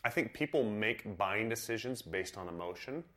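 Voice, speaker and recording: Brief: deep-voiced man from Idaho, easygoing podcast co-host. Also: animated, normal speed, a bit bright. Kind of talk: casual podcast chat.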